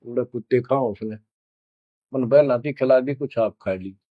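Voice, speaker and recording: A man's voice: medium pitch, moderate pace, no echo, close to an everyday voice. A man voicing a simple, devout village farmer who plainly recounts what happened to him, on a dull, dry lo-fi recording. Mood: recounting.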